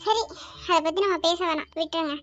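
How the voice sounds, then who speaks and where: A woman voicing a lively young woman in a cartoon who has turned quiet and apologetic, speaking softly and earnestly. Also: extremely high pitch, brisk. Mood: subdued, earnest. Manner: soft, earnest, self-blaming. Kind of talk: cartoon voice acting. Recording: dull lo-fi audio with music bed.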